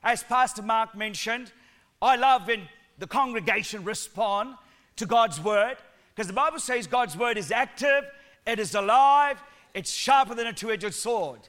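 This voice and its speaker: This guest preacher speaks at an extremely high pitch and a measured pace, his accent Sri Lankan mixed with New Zealand. He keeps his church sermon lively and joking while prompting the congregation to answer back.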